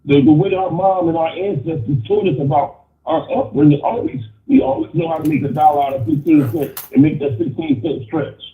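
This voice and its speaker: A man's voice: a little high, animated, a little fast, mellow. A man calling in over an earbud, his voice muffled and hard to make out, stammering through restarts as he gives his blunt opinions. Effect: muffled phone line over an earbud. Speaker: caller. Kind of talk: opinionated call-in rant. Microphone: wireless earbud on a phone call. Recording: muffled, tinny, echoey phone call.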